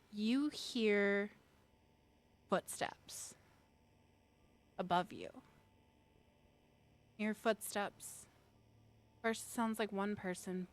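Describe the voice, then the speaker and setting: Slow-paced woman running a tabletop game. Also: mid-range voice. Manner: unhurried, descriptive storytelling. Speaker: game master.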